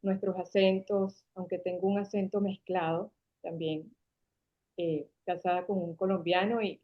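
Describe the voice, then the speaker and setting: A Venezuelan woman from Caracas, in her forties, speaks as an interview guest and tells her story at length. She founded a marketing agency, and her voice sits on the low side with fairly even intonation and an unhurried pace. The recording has a dull, lo-fi quality.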